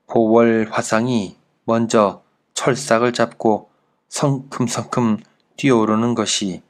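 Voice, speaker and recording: A man reading a classic travel essay aloud in a slow, measured literary narration. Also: fairly low pitch. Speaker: audiobook narrator.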